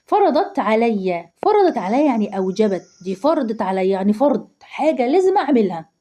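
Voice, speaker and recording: Woman, Egyptian accent, teacher drilling vocabulary, rapid delivery, fairly high voice. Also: sing-song, warm tone. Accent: Egyptian Arabic. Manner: asks questions and answers them herself. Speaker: primary school Arabic teacher. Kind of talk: explaining word meanings to children.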